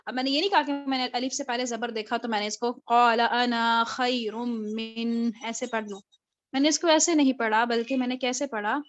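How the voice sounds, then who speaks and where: A woman's slightly high voice, free of any room sound, leads a live online recitation class. She explains each step and answers the questions she asks. The sound comes from a video call and is dull and lo-fi.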